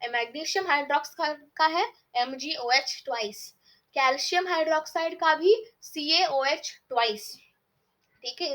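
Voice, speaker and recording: A woman teaching a science lesson, reading textbook lines slowly and explaining each step, often asking "okay?" to check along. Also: sits high, fairly bright tone. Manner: reads English textbook lines slowly, explains fast in Hindi. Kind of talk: online lesson mixing Hindi and English.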